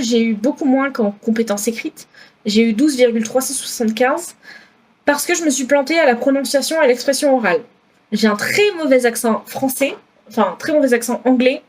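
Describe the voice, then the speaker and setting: A woman in her twenties with a southwest French accent, talking casually in a vlog, chatty with many fillers and self-corrections. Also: fairly high pitch. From France. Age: 20s. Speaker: student vlogger.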